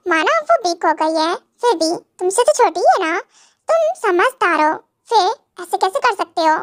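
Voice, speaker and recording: Gentle lecturing mom, voiced by a woman, fan audio drama, very high. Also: very animated, measured pace, no room sound, clean studio sound, exaggerated voice. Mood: soothing. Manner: soothing, lecturing. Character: gentle, reassuring mother.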